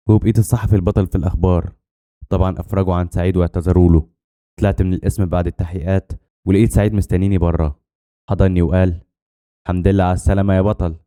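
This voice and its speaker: A man's voice: sits low, mellow. A man with an Egyptian Arabic accent telling a dramatic first-person story in a tense way.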